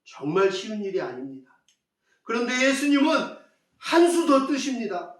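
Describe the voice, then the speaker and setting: A man's voice: very high voice, very animated, normal speed. A male pastor preaching a sermon, putting rhetorical questions to the congregation and repeating key phrases for emphasis. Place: church. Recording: echoey church hall, mic at a distance.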